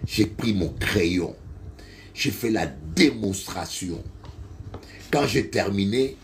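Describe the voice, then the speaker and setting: A middle-aged man with a Congolese French accent, preaching a sermon and telling a personal story, slow and then loud and high. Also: lively intonation, slight background noise. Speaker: bishop preacher.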